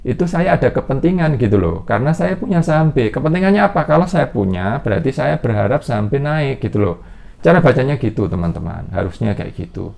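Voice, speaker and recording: Guy teaching stock investing, chatty and loose, lots of fillers, a bit of fry in his voice. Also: medium pitch, big pitch swings, quick pace, darkish tone. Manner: conversational, loose, many fillers. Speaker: investment educator. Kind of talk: casual explanatory talk.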